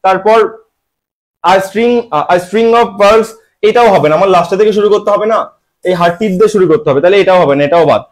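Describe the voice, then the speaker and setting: A man's voice: high voice, a little fast. A man teaching English grammar for an admission exam in Bengali-style speech, teasing his students and asking and answering his own questions. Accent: Bangladeshi Bengali. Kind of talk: online admission-exam lesson.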